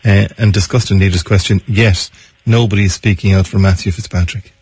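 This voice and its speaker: A man's voice: deep voice, fairly even intonation, fairly quick, a little mellow, slightly rough, no room sound. A man hosting a radio interview, probing and pressing with his questions. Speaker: radio host.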